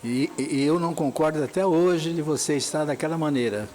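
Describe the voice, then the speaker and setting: A man's voice: on the high side, a little fast, a little mellow, slight background noise. A man hosting an interview in an outdoor square, asking probing follow-up questions and pressing his point. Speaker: interviewer, podcast host. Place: outdoor square with a street fair.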